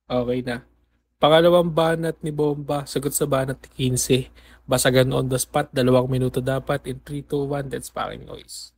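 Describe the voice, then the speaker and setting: A man's voice: medium pitch, flat delivery, moderate pace, a little mellow. A man hosting a live stream insult battle, teasing the rappers and calling the rounds. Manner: laughing, teasing, calls time. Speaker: battle host.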